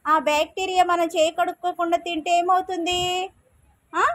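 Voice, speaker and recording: A woman's voice: very high voice, flat delivery, normal speed, fairly bright tone. A woman preschool teacher talking to small children in a classroom. She keeps asking questions, repeats the answers back, and gives simple, firm commands.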